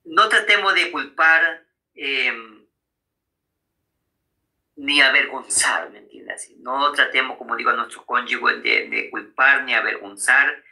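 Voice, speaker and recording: A man delivers a sermon in a strikingly bright, forceful voice at an ordinary pitch for a man. He keeps asking his listeners whether they understand and calls them his brothers. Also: a little slow, gravelly, low-quality recording. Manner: frequent tag questions to listeners. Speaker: preacher. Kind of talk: sermon on marriage.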